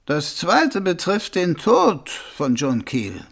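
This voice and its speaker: A weary old captain, as a male narrator puts him on, cool and clipped, with a cutting, triumphant edge. The voice is gravelly and husky and swings widely in pitch. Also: wildly swooping pitch, slow, fairly bright tone, exaggerated voice. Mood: cold.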